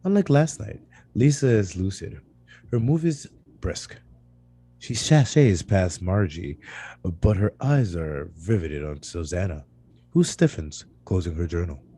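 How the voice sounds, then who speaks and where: Reading stage directions live at a table read, a man speaks in a deep, warm, slightly rough voice that is sing-song and unhurried. Now and then he stumbles over a word and corrects himself.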